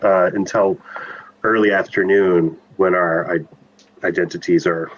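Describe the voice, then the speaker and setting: Low-pitched man, slightly muffled. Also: fairly even intonation, measured pace. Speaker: tabletop game player. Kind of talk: casual planning talk in a game. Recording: slightly muffled online call.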